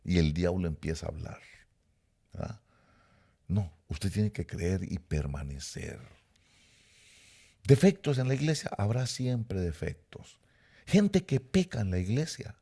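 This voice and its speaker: A man's voice: deep voice, very animated, a little slow, warm tone, slightly rough. A middle-aged man preaching a sermon, emphatic and repetitive, speaking straight to his listeners. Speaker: pastor.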